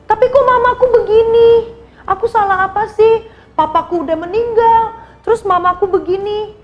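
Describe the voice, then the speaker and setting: A woman's voice: extremely high pitch, normal speed, highs cut off, faint music behind, pitched above the performer's own voice. Woman doing a whiny little girl. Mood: sulky. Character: sulky young girl, ashamed then remorseful.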